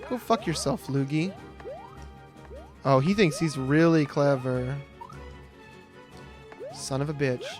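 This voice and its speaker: Slow and unhurried with long pauses, this slightly high-voiced man in his late twenties rambles as he hosts a game stream. His casual commentary is profane and self-mocking. Music plays in the background.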